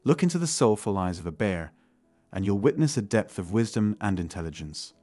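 Low-pitched male nature documentary narrator. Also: darkish tone, no room sound. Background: faint music.

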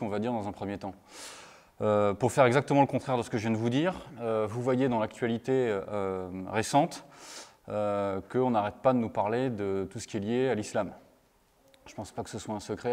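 A man's voice: on the low side, darkish tone. A man giving a conference talk, hesitant, with many fillers and restarts. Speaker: lecturer. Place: conference hall. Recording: long hall reverb.

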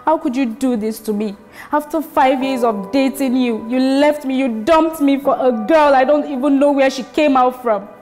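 A woman's voice: high voice, moderate pace, few pauses, darkish tone, lightly acted. A woman in her twenties performing a monologue as a jilted girlfriend pleading with the man who left her. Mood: hurt. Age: 20s. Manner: pleading questions, rising into tearful cries. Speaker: actor performing an audition monologue. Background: faint music.

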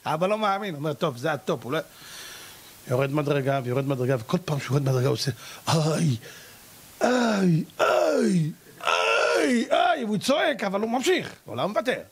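Rabbi, male, lively storytelling sermon; high voice with big pitch swings, acts out characters. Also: slightly rough. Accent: Israeli Hebrew. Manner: animated, acts out characters and cries out.

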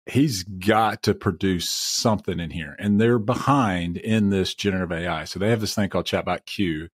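Male tech podcast co-host, deep and husky, dry mic, casual and analytical. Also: moderate pace, no echo. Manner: joking, analytical.

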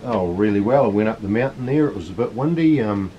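A man's voice: fairly low pitch, animated, fast talker, dull audio. A man, chatting casually in a small hut. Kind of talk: casual chat. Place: small hunting hut, indoors. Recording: slightly noisy camera audio.

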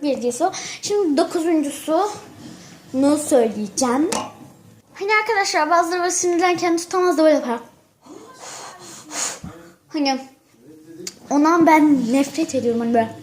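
A woman with a high, girlish voice chats straight to her camera as a vlogger. She acts out every example with theatrical flair, piling up repeated phrases. The sound comes from a plain built-in camera mic. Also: fairly quick, pauses often, echoey room. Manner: animated, acts out examples dramatically; exaggerates for effect, repeats phrases. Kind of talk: casual chat to camera.

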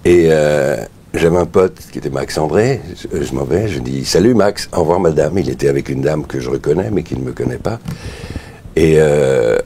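A man's voice: rumbling low, expressive, moderate pace, mellow, slight background noise. A man being interviewed as a dubbing voice actor, telling an anecdote in a playful way. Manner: playful storyteller.

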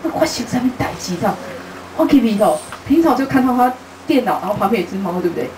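Woman, middle-aged, travel author at a book talk, animated storyteller, distant mic, roomy echo. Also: on the high side, racing. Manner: lively storyteller who acts out conversations, laughing often. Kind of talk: live talk to an audience. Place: bookstore event room. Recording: roomy, distant, faint hiss.

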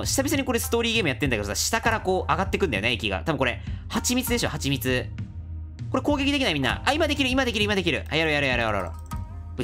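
Gaming host, woman, lower pitch with very animated swings, playfully rallies the players. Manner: playful, reads game text aloud and rallies the other players. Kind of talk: game commentary.

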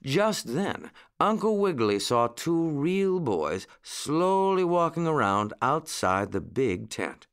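A man narrating a children's storybook in an expressive, unhurried way with dramatic pauses. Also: on the high side, smooth.

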